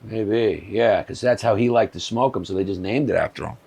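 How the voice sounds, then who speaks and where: A man's voice: lowish voice, fairly quick, gravelly, a little mellow, breathy edge. A man in casual chat who keeps asking questions and cracking jokes. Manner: asks questions, jokey. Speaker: comedian guest. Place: shed with cigars.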